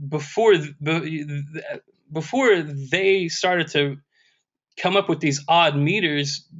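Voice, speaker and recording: A man giving a music history lecture, halting with many fillers and restarts, and scatting rhythms to show them. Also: fairly high pitch, a bit bright. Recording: dull lo-fi lecture recording.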